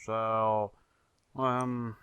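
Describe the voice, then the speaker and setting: A man co-hosting a casual gaming podcast, talking in a slow, agreeable and hesitant way. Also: on the low side, flat delivery, a bit bright, clean tone, no room sound. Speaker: podcast co-host.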